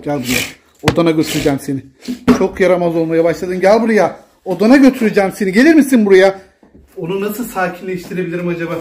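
A man talking casually at home, pleading and gently scolding with repeated short commands to calm down. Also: high-pitched, fast, background noise. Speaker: father filming his daughter at play.

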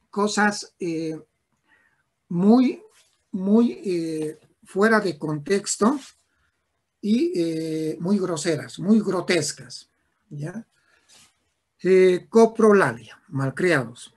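Slow husky guy teaching a neuro class, keeps repeating himself and checking in with students. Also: high voice, lively intonation. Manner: slow, repetitive, with frequent restarts and checks of "¿ya?". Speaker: neurology lecturer. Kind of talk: classroom lecture.

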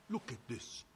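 A man voicing a dying old martial-arts sensei in a video game, coughing and weak, giving slow solemn warnings. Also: slight background noise.

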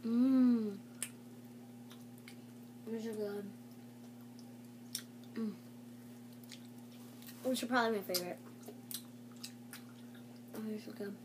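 High-voiced woman talking with her mouth full. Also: takes it slowly, pauses often. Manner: murmurs short approving hums between bites. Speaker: snack-tasting vlog host. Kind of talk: casual taste-test chat. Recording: steady background noise.

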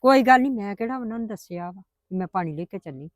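A woman playing a patient grandmother who calmly coaxes and placates her family. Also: medium pitch, fast talker, no room sound, clean studio sound, close to an everyday voice. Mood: coaxing. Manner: coaxing, placating. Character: patient grandmother, soothing mother-in-law. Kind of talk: family drama acting.

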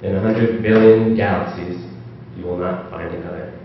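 At a panel event, a man in the audience speaks up with a low voice, fairly even intonation and moderate pace. He stumbles with many ums but reads quotes aloud louder and with a rise. Recorded from a distance in a large echoey hall, the audio is dull with slight background noise.

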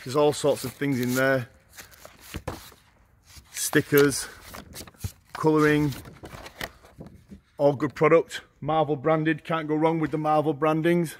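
A middle-aged man walking through a large warehouse, listing auction lots in short, brisk phrases as he goes. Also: fairly high pitch, level tone. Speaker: auctioneer giving a viewing tour. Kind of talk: walking tour commentary. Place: large indoor warehouse with shelving.

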